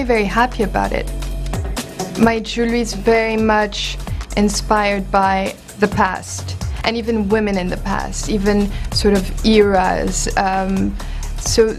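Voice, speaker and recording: Flat-voiced young woman over music. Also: mid-range voice. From Switzerland. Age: young adult. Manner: soft, relaxed, with fillers and restarts. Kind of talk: interview answers.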